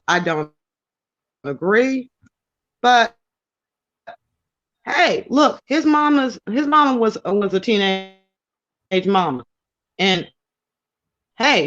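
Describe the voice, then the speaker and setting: A woman's voice: mid-range voice, fairly bright tone. Woman on a crackly, dropping call line. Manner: emphatic, rambling with restarts. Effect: crackly, dropping remote call line. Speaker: call-in guest. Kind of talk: casual talk show discussion. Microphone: remote call. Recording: dull lo-fi call audio.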